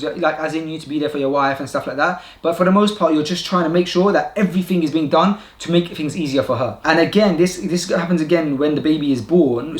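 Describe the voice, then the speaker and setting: Guy in his twenties or thirties, earnest advice-giver; light high-ish voice, echoey room. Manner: earnest, repeats points for emphasis. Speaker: vlogger giving advice to new fathers. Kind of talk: casual direct-to-camera advice.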